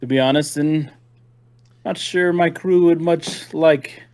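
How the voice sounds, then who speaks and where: A man's voice: fairly high pitch, steady tone, takes it slowly, darkish tone, clear, resonant tone, voice pushed up. A man voicing a proud, easily offended lord who offers his ship and crew, speaking with haughty disdain. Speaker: game master voicing a character.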